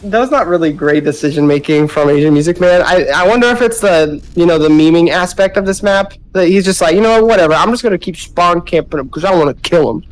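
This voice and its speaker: A man casting a game live in quick, casual play-by-play while his mic peaks into clipping distortion. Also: high-pitched, faint music behind. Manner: quick, casual, chatty calls. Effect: peaking mic with clipping distortion. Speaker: esports caster.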